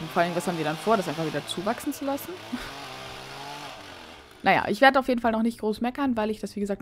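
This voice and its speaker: A woman chatting casually over her gameplay, informal and conversational. Her pitch sits in the middle for a woman. She talks as if thinking aloud to her viewers. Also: background noise. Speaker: gaming video creator. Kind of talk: casual let's-play commentary.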